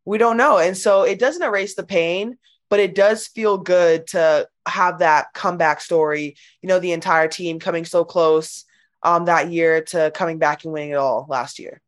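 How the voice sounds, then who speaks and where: A woman's voice: fairly low pitch, fairly even intonation, moderate pace. Chatty young woman, lots of "like". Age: young adult. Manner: giggly, chatty, full of "like". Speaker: college basketball player. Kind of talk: casual interview.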